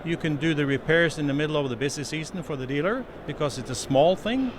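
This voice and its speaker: Speaking fast in a rather high voice, this Norwegian-accented company representative, a middle-aged man, sincerely describes a product during an interview at an indoor exhibition stand. His English is slightly non-native, with occasional restarts. The handheld interview mic picks up a noisy trade show floor around him.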